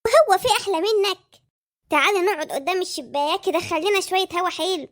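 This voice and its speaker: A woman voicing a gossipy, sharp-tongued mother in an Egyptian cartoon, with an Egyptian Arabic accent. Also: very high-pitched, fast. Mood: teasing.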